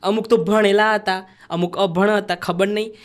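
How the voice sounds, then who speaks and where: A young man speaking a Sabarkantha Gujarati dialect appears as a podcast guest, a vlogger and dancer chatting through his story and acting out the lines he quotes from himself and others. His voice sits high, smooth and steady in tone, at a moderate pace.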